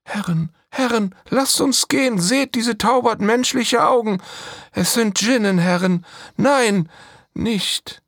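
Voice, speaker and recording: A man putting on a shrill, panicked young slave woman. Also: slow, gravelly, fairly bright tone, dry recording, exaggerated voice. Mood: frantic pleading. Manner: shrill, frantic pleading cries.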